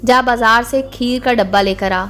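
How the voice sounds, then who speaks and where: A woman's voice: on the high side, steady tone, normal speed, fairly bright tone, natural voice. Baba Murshid, a woman reading a kindly old holy man. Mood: gentle. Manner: kindly, fatherly counsel. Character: wise old bearded male holy man, gentle.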